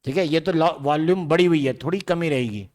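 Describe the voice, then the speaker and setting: A man with a slightly high voice teaches biology to a large classroom, speaking. He lectures in a loose, talky way and keeps checking in with his students through rhetorical questions. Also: a little fast, darkish tone.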